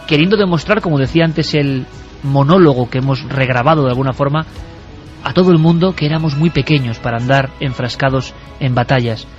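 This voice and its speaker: Reflective radio host, slightly high voice. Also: male voice. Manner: reflective, lyrical, addresses listeners. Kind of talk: radio talk show. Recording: dull radio audio with faint music.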